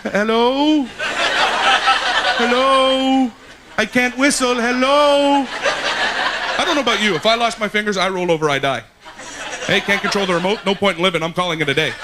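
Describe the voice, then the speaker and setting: Animated stand-up comic man, high voice. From Canada. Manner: animated, acts out characters in jumps of pitch. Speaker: stand-up comedian. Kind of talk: stand-up comedy set. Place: concert hall stage with a laughing audience. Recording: loud audience laughter and room noise.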